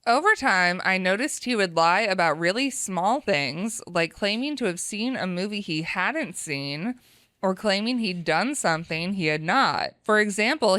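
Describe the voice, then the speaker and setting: An American woman reading breakup stories aloud on a talk show and reacting with animated laughs. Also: medium pitch, no room sound, clean studio sound.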